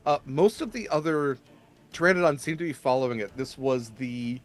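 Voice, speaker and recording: A man acts as game master for a tabletop game, making up the narration as he goes in a halting, chatty way. His voice sits in the mid range with lively intonation.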